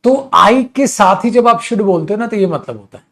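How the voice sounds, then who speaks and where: A man's voice: high-pitched, lively intonation, normal speed, fairly bright tone. Hindi-speaking man teaching spoken English.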